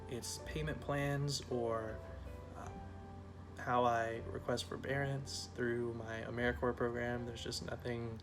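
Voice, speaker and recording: A man's voice: mid-range voice, creaky. A man in his twenties, a student advocate, speaking plainly and searching for words in a testimonial interview. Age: 20s.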